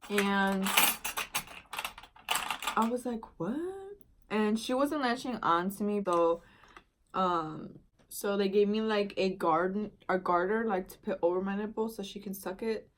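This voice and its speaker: A woman's voice: mid-range voice, fairly even intonation, measured pace. A young woman vlogger casually telling a long personal story, rambling with lots of filler words and slang. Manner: rambling, heavy use of "like" and "dude".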